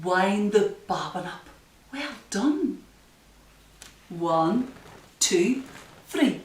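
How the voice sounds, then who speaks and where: Speaking extremely slowly in an expressive, mid-range voice, a library story time leader guides little kids through nursery rhymes. She gives them easy instructions and words of encouragement. The recording comes from an echoey room with the microphone placed far away.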